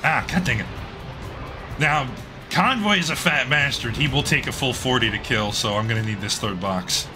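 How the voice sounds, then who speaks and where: A hoarse, worn-out Australian man chatters his way through a game, cursing casually and getting worked up at each moment. His pitch sits at an ordinary middle, and clear game music plays loudly behind him. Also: moderate pace. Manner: swears freely, excitable, talks to himself while playing. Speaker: gaming channel host. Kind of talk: casual gameplay commentary.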